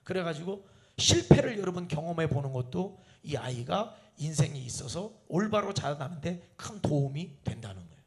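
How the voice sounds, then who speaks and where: A man preaching to his congregation in a high voice that swings up and down a lot. He keeps asking the listeners questions. He slips into voices for parents and children in everyday family scenes. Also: animated, moderate pace. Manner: addresses the congregation with rhetorical questions; acts out family dialogues in changing voices. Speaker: pastor. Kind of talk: sermon at an evening prayer meeting.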